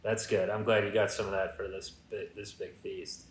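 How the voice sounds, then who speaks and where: A man's voice: lowish voice, level tone, moderate pace, echoey room. A man co-hosting a comedy podcast in casual improvised chat, with a jokey mock-regal manner. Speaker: podcast co-host.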